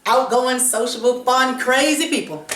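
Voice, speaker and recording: A woman's voice: high-pitched, moderate pace, a bit bright. A woman hosting a vlog, chatting in a casual, upbeat way with lots of fillers. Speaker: vlog host. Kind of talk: casual chat. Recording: roomy echo, mic at a distance.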